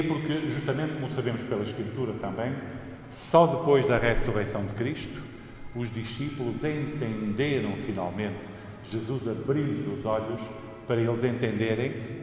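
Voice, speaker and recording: A man's voice: lowish voice, darkish tone. A man with a European Portuguese accent preaching a sermon emphatically, repeating phrases for stress, in a large church with cathedral echo. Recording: cathedral-like echo, long reverb, faint noise.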